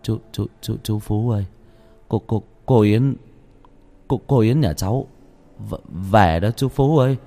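A man's voice: lowish voice, fairly quick, mellow, faint music behind, lightly acted. A man voicing a terrified young village man who stammers and pleads in a raised, shaky voice. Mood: panicked.

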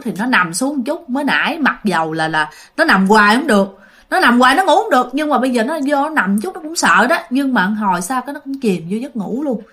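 A woman's voice: a little high, fairly bright tone. Chatty woman storyteller. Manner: chatty, addresses listeners directly. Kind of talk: ghost story narration.

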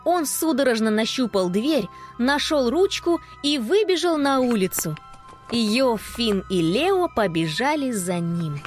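A woman reads a children's story aloud with a lively, expressive delivery. Her voice sits at a middle pitch but moves freely up and down with the action. Faint music plays underneath. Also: unhurried. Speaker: audiobook narrator.

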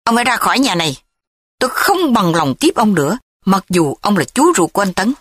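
A woman voicing a furious, defiant young mother who speaks in a sharp, raised, indignant way in an audiobook drama. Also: medium pitch, very animated, a little fast, breathy edge, dry recording, clean studio sound. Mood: angry.

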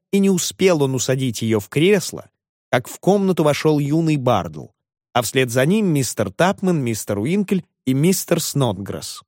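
A man reading a classic novel aloud in measured, expressive audiobook narration. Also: mid-range voice, dry recording, clean studio sound.

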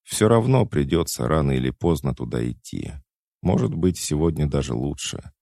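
A man's voice: rumbling low, animated, moderate pace, vocal fry, no echo, studio quality, heavily acted. A man voicing a troubled, hard-drinking former agent in an audiobook, tense and worn. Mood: weary. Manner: tense, shouting in his sleep.

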